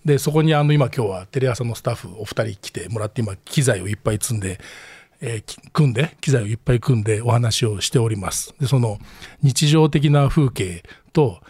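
A middle-aged man with a Kansai accent hosts a relaxed solo chat from his small office, rambling and self-deprecating, often chuckling. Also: mid-range voice, brisk, breathy edge, no echo. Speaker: podcast host.

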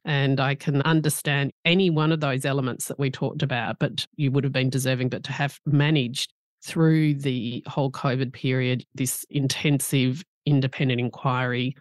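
A man hosting an interview, asking questions in a conversational way and warmly praising his guest. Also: medium pitch, no room sound, studio quality. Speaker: interviewer, host.

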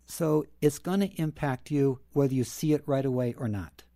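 Mellow-voiced man telling a story. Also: mid-range voice, moderate pace, dry recording. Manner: storytelling, lightly sarcastic. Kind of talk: casual roundtable talk.

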